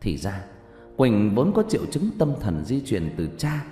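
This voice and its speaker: A man narrating a horror story with dramatic, expressive delivery. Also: lowish voice, unhurried. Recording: echoey reverb with background music.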